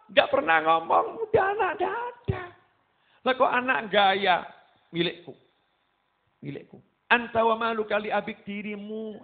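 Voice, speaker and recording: A man with a Javanese accent preaches to a gathering, lively and animated, acting out the voices in his stories. His voice sits high for a man. The recording is narrow and tinny, like a phone line. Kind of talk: sermon.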